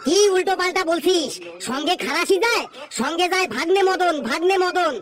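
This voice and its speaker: A woman's voice: extremely high pitch, a little fast, crowd noise. A woman voicing a strict, sarcastic male schoolteacher in a cartoon. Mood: scolding. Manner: scolding, sarcastic. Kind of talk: cartoon voice acting.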